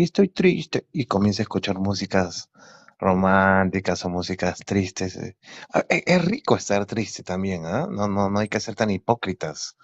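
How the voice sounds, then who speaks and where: Caller, a man with a lowish voice, rambling and reflective, on dull, dry call audio. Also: no room sound. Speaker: livestream caller. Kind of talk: casual chat.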